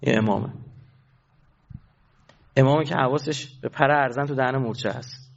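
A man's voice: medium pitch, gravelly. Emphatic male preacher, lo-fi sound. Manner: emphatic, swinging between hushed and raised. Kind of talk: religious sermon storytelling.

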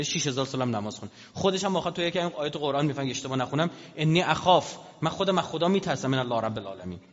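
A man preaching a sermon, telling stories in a lively, emphatic way and often putting questions to his listeners. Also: a little high. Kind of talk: sermon with storytelling. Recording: dull lo-fi recording with long hall reverb.

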